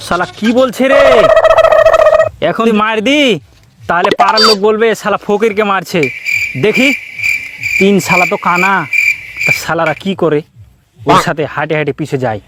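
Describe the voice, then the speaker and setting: Man acting a crafty high-voiced schemer. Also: moderate pace, long pauses, very noisy, close to an everyday voice. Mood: indignant. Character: crafty, scheming man hiding corpses and fooling a drunkard. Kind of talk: amateur comedy skit acting. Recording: loud music over dialogue.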